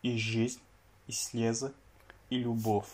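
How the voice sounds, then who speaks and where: A man's voice: medium pitch, completely flat delivery, slow, darkish tone, slight background noise. A man, a language student, reciting a poem line by line with care.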